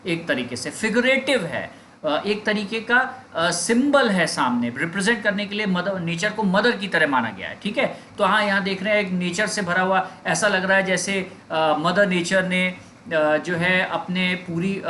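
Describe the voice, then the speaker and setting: A man's voice: high-pitched, lively intonation, pushed and bright, slight background noise. A man teaching English vocabulary in Hindi, drilling each word over and over with frequent hesitations. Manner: slow, repetitive drilling of words with many fillers. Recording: echoey room with faint ambience.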